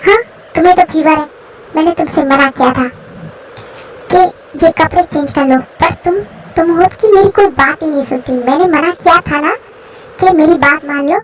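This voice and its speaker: Woman doing a worried young man, fan story voice, pleading, fretful, high-pitched. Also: moderate pace, pauses often, slight background noise, natural voice. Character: anxious protective young man.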